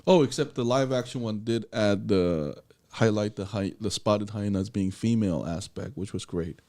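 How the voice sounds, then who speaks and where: A man's voice: on the low side, normal speed, warm tone. A man co-hosting a casual movie review podcast, who talks bluntly and swears freely. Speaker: podcast co-host.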